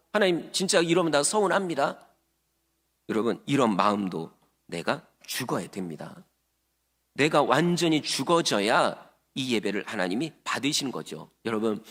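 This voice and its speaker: A man preaching with a lively, swinging delivery, his voice fairly high for a man. He rises to urgent peaks and drops to hushed asides. A long reverb trails every phrase, like a big church hall. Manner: emphatic, swings from loud to hushed, acts out churchgoers' lines. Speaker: pastor. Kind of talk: sermon.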